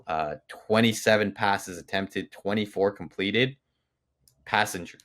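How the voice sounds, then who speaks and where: Deep-voiced young man talking football. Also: measured pace, a bit bright. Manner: rambling, emphatic, many fillers and restarts. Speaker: football podcast co-host. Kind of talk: casual sports chat.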